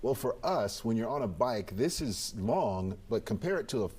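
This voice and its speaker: A man in his late fifties with a fairly low voice, talking as a guest in an interview. He is folksy and plain-spoken, giving his view conversationally. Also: big pitch swings, moderate pace, darkish tone, husky.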